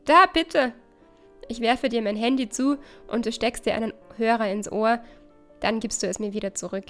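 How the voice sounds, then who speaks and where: A woman's voice: on the high side, flat delivery, brisk, darkish tone, soft background music. A woman reading a second-person story aloud in an intimate, conversational way.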